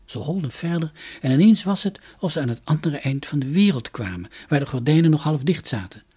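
A man reading a fairy tale aloud, with calm, soft storybook narration. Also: on the high side, fairly quick, husky.

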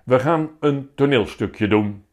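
A man's voice: mid-range voice, slow, voice pushed up, natural voice. A man voicing a playful, theatrical bearded schoolteacher. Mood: teacherly. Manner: theatrical, animated teaching.

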